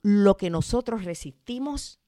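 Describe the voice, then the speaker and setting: A woman hosting a motivational podcast in casual chat, lively, acting out quoted complaints in a raised voice. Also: unhurried. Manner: animated, acts out quoted complaints in a high voice. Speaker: podcast host.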